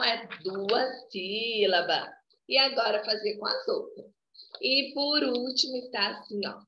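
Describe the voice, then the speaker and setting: A woman preschool teacher with a Brazilian Portuguese accent, coaxing little children through a remote lesson in a slow, singsong way and saying "ó" again and again. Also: medium pitch, sharp tone, a little hiss or hum. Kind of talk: remote class for small children. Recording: echoey, dull lo-fi home video.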